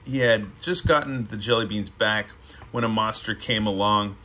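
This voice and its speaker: Chill guy reading a picture book out loud, bright voice. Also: lowish voice, moderate pace. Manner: laid-back, chatty asides. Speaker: host reading a children's book. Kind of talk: casual storybook reading.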